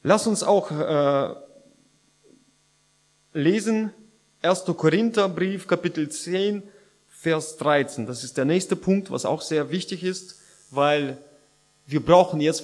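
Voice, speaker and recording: A man delivers a sermon to his congregation in a loose, conversational way. His voice sits a little high, he fills pauses with hesitations, and his phrasing is slightly unidiomatic. He swells louder when he presses a point. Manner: conversational preaching with many fillers and restarts, growing loud at points. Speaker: preacher.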